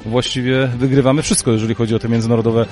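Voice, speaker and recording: A man's voice: mid-range voice, level tone, rapid-fire, a little mellow, soft background music. A male sports reporter interviewing riders and a coach and reading results, asking short leading questions.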